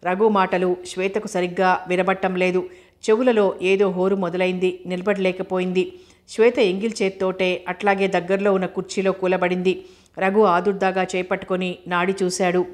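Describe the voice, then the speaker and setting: A woman narrating a novel as a scripted audiobook in steady, unhurried storytelling. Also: fairly low pitch.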